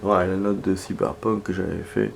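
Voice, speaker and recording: At a normal speed, with a little hiss or hum in the recording, a gaming streamer reads on-screen text and chats casually while playing. He has a cold and clears his throat, his voice low, flat and gravelly with muttered remarks.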